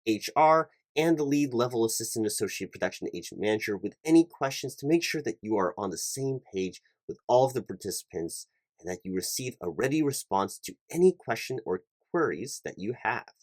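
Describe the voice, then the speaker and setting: In an ASMR roleplay, a man plays a hiring manager conducting a one-sided job interview, using polite, officious and somewhat halting corporate patter. His medium-pitched voice is sing-song and a little mellow, and the recording is dry.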